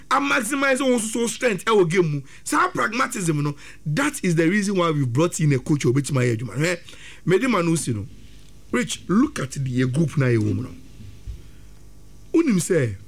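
Animated football talk comes from a Ghanaian-accented pundit who blends English with Twi. Rapid and excitable, he keeps bursting into quick, excited, high-pitched spurts.

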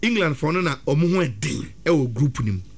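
Mixing Twi with English, this excitable Ghanaian-accented pundit analyses football at a rapid clip. His energy keeps spilling over into quick bursts that climb high in pitch.

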